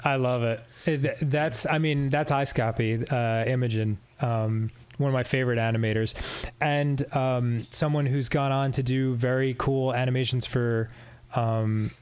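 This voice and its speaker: A man hosting a casual chat, relaxed and laughing easily. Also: medium pitch, normal speed, clear, resonant tone. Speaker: host.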